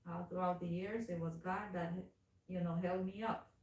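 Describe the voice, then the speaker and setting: A middle-aged nail shop owner with a strong Caribbean English accent and a fairly low voice chats with a client while working, speaking at a moderate pace. She's an animated storyteller who acts out the quoted voices, recorded in an echoey room from a mic set some distance back.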